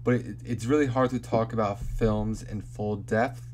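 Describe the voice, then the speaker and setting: A man's voice: fairly low pitch, steady tone, moderate pace, darkish tone, a little hiss or hum. A man hosting a casual horror podcast, introducing the films and laughing easily. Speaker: podcast host.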